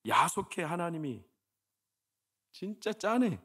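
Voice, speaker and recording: A high, animated male voice leaps up and down as a pastor in his forties preaches, talking to the congregation like friends and tossing out rhetorical questions. He drops to hushed tones for sad stories, then bursts out loud and exasperated. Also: slow, slightly rough. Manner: swings from hushed storytelling to loud exasperated outbursts. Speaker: senior pastor. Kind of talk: sermon.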